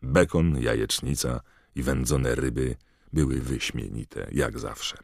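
A man reads an audiobook in steady, even storytelling narration. His voice sits extremely low, and the recording is dry and close with no room sound. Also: takes it slowly, vocal fry, no room sound. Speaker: audiobook reader. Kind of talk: scripted narration.

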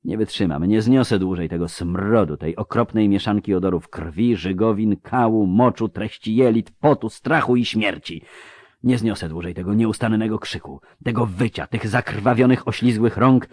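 A man's voice: a bass voice, normal speed, vocal fry, warm tone, no echo. A man doing a panicking young woman healer. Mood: desperate. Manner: breathless panicky inner monologue, rising to anger. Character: young female healer, overwhelmed and nauseated.

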